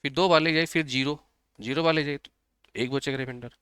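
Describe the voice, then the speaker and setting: A man's voice: mid-range voice, steady tone, brisk, fairly bright tone, smooth, dry recording, clean studio sound. A male computer teacher, explaining an exam-prep lesson step by step and often checking that students follow. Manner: repetitive, checks understanding often.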